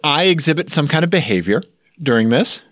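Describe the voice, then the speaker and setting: A man's voice: a little high, expressive, brisk, a bit bright, dry recording, clean studio sound. A man co-hosting a casual podcast, teasing his friend and telling stories with a playful, joking manner. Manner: playful, teasing, storytelling with laughs. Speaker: podcast co-host. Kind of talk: casual chat.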